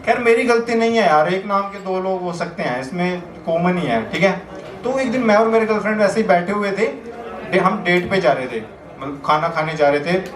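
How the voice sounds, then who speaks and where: A man's voice: high voice, moderate pace, slight background noise. A young man performing stand-up comedy, telling stories in a chatty, anecdotal way that builds to punchlines. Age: young adult. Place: comedy stage. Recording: echoey room, voice picked up from a distance.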